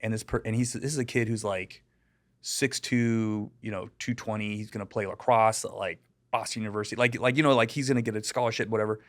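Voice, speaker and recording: Speaking quickly in a lowish voice, this middle-aged deputy from the United States, who also teaches digital safety, swaps stories in a relaxed interview. He stuffs his talk with fillers and animatedly acts out whoever he's quoting.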